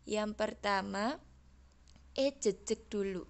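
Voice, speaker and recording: Slow, deliberate Javanese woman teaching. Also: mid-range voice. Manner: slow, deliberate, spells out example words one by one. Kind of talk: online Javanese language lesson.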